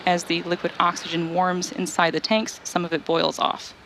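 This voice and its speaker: A woman with a slightly low voice hosts a live launch webcast. She explains each step in a clearly enunciated presenter delivery. There is faint noise behind her. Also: level tone, moderate pace, fairly bright tone, poor audio.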